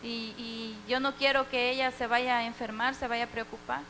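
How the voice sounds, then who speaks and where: Woman, church testimony, bright high voice, faint hum behind her. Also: flat delivery, moderate pace, low-quality recording. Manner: heartfelt storytelling, acting out the dialogue. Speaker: church member giving testimony.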